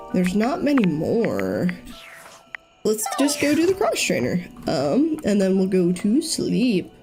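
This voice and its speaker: A young gaming YouTuber with a mid-range voice and some vocal fry offers relaxed let's-play commentary. She chats away, thinking out loud and saying "um" often.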